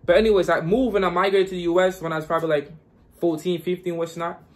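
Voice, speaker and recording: A man's voice: high-pitched, fairly even intonation, fast. A young man from Guyana vlogging casually and giving hyped, repetitive motivational advice.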